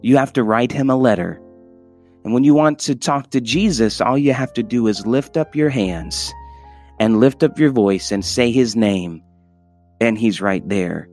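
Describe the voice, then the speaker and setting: A man's voice: medium pitch, measured pace, a little mellow, soft background music. A young man hosting a podcast at home, talking in an earnest, emphatic, preacherly way. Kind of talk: casual sermon-style podcast talk. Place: home, by the Christmas lights.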